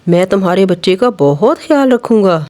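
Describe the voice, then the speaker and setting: A storyteller voicing an arrogant, greedy male heron who boasts and gloats in a children's animated story. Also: medium pitch, moderate pace, close to an everyday voice. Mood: falsely friendly.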